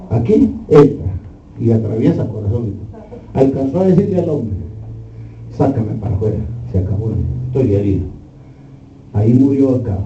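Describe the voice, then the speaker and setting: A male pastor preaching a sermon, questioning the congregation and acting out quoted lines with shouted peaks. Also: medium pitch, a little hiss or hum. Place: church. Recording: roomy, distant, dull church recording.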